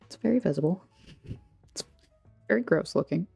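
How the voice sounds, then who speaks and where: A Texas woman with an American accent hosts a livestream, chatting casually with viewers while she crafts, rambling along in a playful, self-deprecating way. Her lowish voice is expressive, creaky, husky and dark-toned at a normal speed, recorded dry with music in the background.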